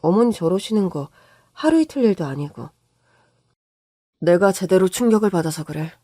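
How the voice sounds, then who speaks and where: A woman voicing a calm, weary husband who speaks low and subdued. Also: normal speed, no echo, studio quality. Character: weary calm husband, low-voiced, fed up with his mother.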